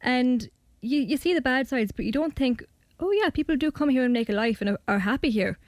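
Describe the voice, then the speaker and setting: A woman's voice: high voice, lively intonation, brisk, darkish tone, no echo. A young Irish woman in her twenties, chatting casually as a radio guest and narrating her own documentary. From Ireland. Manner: chatty, hedging with fillers. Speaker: student documentary maker.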